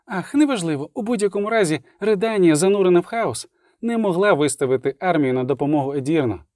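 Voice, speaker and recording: A man voicing an excitable, talkative man who rushes through grim news. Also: high-pitched, dry recording, pitched above the performer's own voice. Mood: agitated.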